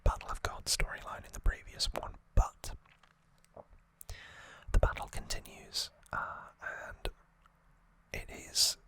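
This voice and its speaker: Speaking slowly and pausing often, an ASMR host offers a relaxed recap in a soft, breathy, unvoiced whisper, her explanations gentle and hesitant.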